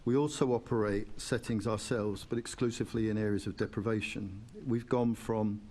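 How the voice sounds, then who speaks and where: A man with a fairly low voice gives evidence to a council committee in its chamber. As a charity chief executive, he speaks plainly and firmly. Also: steady tone, normal speed, a little mellow. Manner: direct and firm. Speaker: invited panel witness, charity chief executive.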